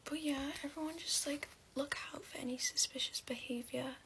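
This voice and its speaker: A woman's voice: sits high, fairly even intonation, moderate pace, noisy background. A woman whispering casually so she will not wake someone, hesitant and full of ums. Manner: hushed, hesitant, many ums.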